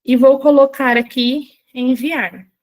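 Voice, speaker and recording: A woman running a live online workshop for teachers, chatty and checking in with her viewers, reading screen text aloud slowly, with a Brazilian Portuguese accent. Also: high-pitched, steady tone, a little mellow. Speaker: teacher trainer.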